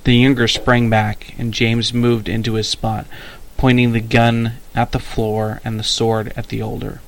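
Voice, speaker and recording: A man's voice: medium pitch, monotone, measured pace, slight background noise. A man reading an adventure story aloud in an unpolished way, with slips and restarts. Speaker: amateur story reader.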